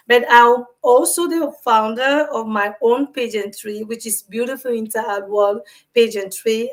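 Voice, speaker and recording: A Cameroonian woman with a fairly high voice joins a video call as a guest, answering interview questions about her work. She sounds earnest and warm, with some hesitant fillers.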